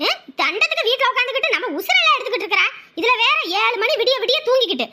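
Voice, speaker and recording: A woman's voice: extremely high pitch, lively intonation, very fast, noisy background. A woman voicing a scheming, scolding middle-aged stepmother in a cartoon, nagging as she talks. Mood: grumbling. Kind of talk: Tamil cartoon voice acting.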